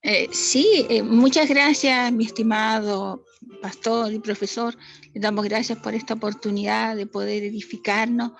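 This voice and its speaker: A woman's voice: fairly high pitch, steady tone, measured pace, vocal fry, soft background music. A woman introducing herself formally and gratefully to an online class. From Chile. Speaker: student.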